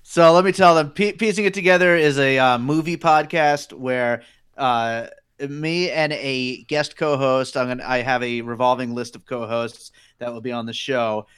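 A man co-hosting a podcast in casual chat, laughing easily and pausing on fillers. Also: medium pitch, fairly even intonation, a bit bright, clean tone. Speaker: podcast co-host.

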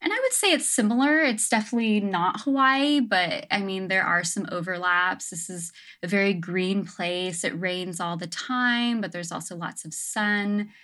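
Her mid-range voice has a sharp tone, and she talks at normal speed with few pauses. She is a young adult woman being interviewed casually at her home on an island, reflective and full of "um" and "like."

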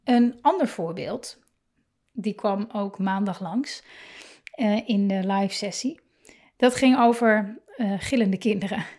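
Slow and mid-range with a darkish tone, this podcast host chats on her own about parenting, thinking out loud with many fillers and restarts. She laughs a lot and performs both parent and child voices.

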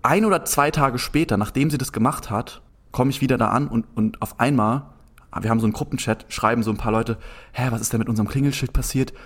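A young man telling a long story in a casual conversation, rambling and animated, often restarting his sentences. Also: mid-range voice, fast, husky. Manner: rambling, animated anecdote with frequent restarts and filler "so".

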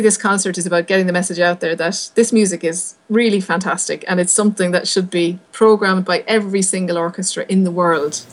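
A woman with a west of Ireland accent answering interview questions conversationally as a conductor, thinking aloud with enthusiasm. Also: lowish voice. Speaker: orchestral conductor being interviewed.

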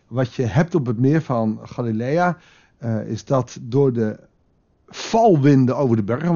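Gravelly man giving a chatty sermon. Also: medium pitch, dark tone, dull audio. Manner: conversational, with dramatic acted quotes. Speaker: pastor. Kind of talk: devotional sermon.

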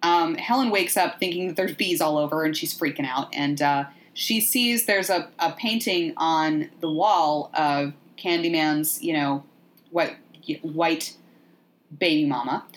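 Woman podcast host, animated and joking, casual movie recap. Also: deep voice, unhurried.

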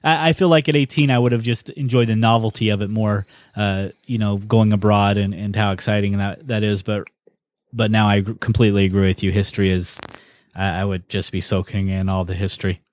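A man hosting a podcast in relaxed, casual conversation, leading the talk. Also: lowish voice, fairly quick, dry recording, studio quality. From United States. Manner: easygoing, leads the conversation. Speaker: podcast host.

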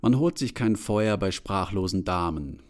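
A man's voice: low voice, animated, measured pace. A man voicing a mysterious stranger who hides in a shaft and whispers to the narrator. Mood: secretive. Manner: whispering, secretive.

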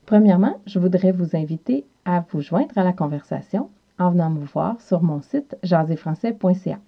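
A woman with a Quebec French accent hosts a language lesson podcast. Her voice sits a little low, and she enunciates carefully like a teacher modelling phrases. The recording is slightly dull and lo-fi. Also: expressive, normal speed, gravelly. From Quebec, South Shore of Montreal. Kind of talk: scripted language lesson with repeated practice phrases.

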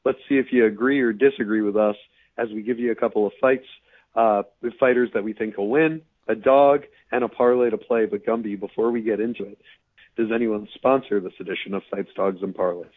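Hoarse, raspy man on a tinny line. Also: on the low side, steady tone, a little fast. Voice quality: raspy, strained voice. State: hoarse, losing his voice. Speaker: sports podcast co-host. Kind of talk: casual sports analysis. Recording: tinny radio-like narrowband line.

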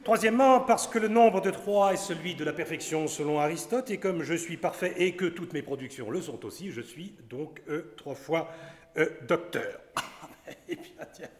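Boastful pedant doctor played by a man, lecturing, showing off Latin, higher voice, roomy hall with long reverb. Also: normal speed, lightly acted. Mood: pompous. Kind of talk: theatrical stage acting of classic comedy.

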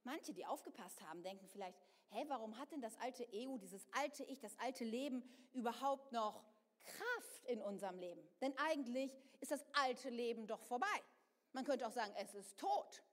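A woman's voice: on the high side, animated, moderate pace, in a large hall. A woman preacher delivering a sermon to her congregation, speaking expressively and addressing her listeners directly. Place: church hall.

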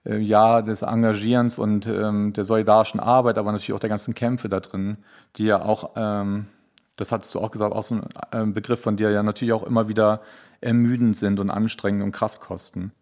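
A man hosts a podcast interview and walks through his guests' backgrounds. His voice sits on the low side, and he pauses often, leaning on filler sounds as he goes. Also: little pitch movement, darkish tone. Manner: hesitant, many filler sounds. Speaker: podcast host.

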